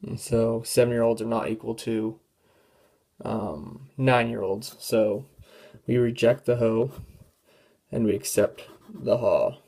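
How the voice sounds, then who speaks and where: Husky-voiced teen student, slow and halting. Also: mid-range voice, steady tone, dark tone. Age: teens. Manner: halting, filler-heavy, thinking aloud. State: losing voice, throat clearing. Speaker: student presenter. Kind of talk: classroom walkthrough of a calculator test.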